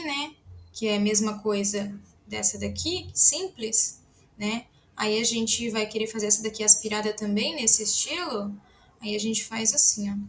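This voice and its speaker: A woman teaching a language lesson, patiently writing letters and drilling syllables aloud with strong breathy aspiration. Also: fairly high pitch, pushed and bright, a little hiss or hum. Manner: self-deprecating asides about her handwriting. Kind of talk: slow spoken lesson while writing.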